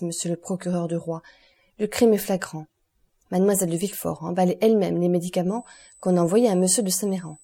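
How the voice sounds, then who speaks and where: A woman reading the part of a stern, relentless male doctor, solemn and accusing in a measured way. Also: fairly low pitch, warm tone, breathy edge.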